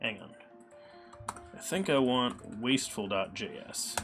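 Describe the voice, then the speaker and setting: A man's voice: medium pitch, normal speed. A man live-streaming his coding, talking casually with many fillers, his voice a little scratchy from a cold. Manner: relaxed, chatty, many ums and uhs. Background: soft background music.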